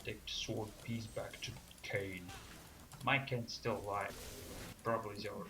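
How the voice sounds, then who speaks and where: A man's voice: lowish voice, unhurried. Laid-back guy chatting games, teases his buddy, noisy background. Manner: relaxed, teasing, agreeable. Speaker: co-host. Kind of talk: casual gaming chat.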